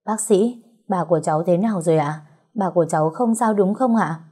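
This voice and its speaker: A woman's voice: lowish voice, brisk, slightly rough. A woman voicing a desperate young woman who snaps back sharply and cries easily, in a storybook reading. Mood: pleading. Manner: sharp-tongued, tearful. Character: desperate young woman, fierce then tearful.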